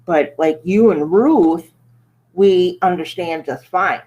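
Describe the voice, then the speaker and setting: An American woman hosting a casual chat in a relaxed, friendly way. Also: fairly low pitch, slow pace, dull audio. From United States. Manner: friendly, easygoing, laughs often.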